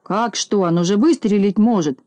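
A woman voicing a fat, cowardly male policeman in a storybook reading, shouting in panic. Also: mid-range voice, normal speed, dry recording, natural voice. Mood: panicked.

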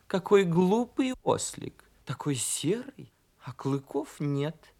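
Meddling little magic star, lilting and a bit higher, a man putting it on in a storybook. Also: big pitch swings, takes it slowly, creaky, a little mellow, exaggerated voice.

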